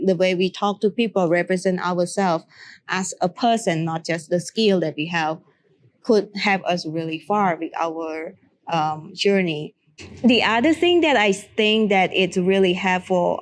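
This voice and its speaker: A young woman from Cambodia, a makeup artist answering an interview question and giving earnest, encouraging advice in with frequent restarts. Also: lowish voice. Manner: earnest, encouraging, with restarts and broken English phrasing.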